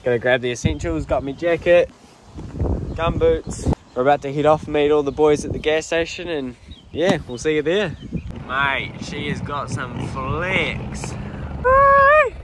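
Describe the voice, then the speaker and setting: A man's voice: on the high side, normal speed. A man in his twenties with a broad New Zealand accent chats casually in a slangy, laddish way as a vlogger. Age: 20s. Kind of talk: casual vlog chat. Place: outdoors and inside an old four-wheel drive. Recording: loud outdoor and vehicle noise.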